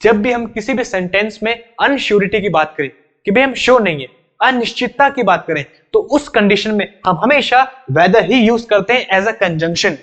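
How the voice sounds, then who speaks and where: A man's voice: sits high, lively intonation, moderate pace, a bit bright. A man with a Hindi accent teaching English grammar for exam prep, repeating each rule insistently and speaking straight to his students. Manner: repeats rules insistently, addresses students directly. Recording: slightly dull, lo-fi sound.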